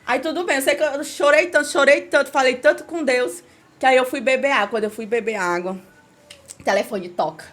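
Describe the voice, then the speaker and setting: A woman with a high voice tells a personal faith testimony as a podcast guest. She talks with animated storytelling and acts out the lines of the people in her story. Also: a little fast.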